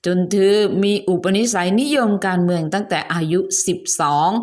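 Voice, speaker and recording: Soft-spoken woman telling history. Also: fairly low pitch, steady tone, moderate pace. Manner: polite, chatty, adds asides and polite particles. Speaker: host. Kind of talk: storytelling history narration.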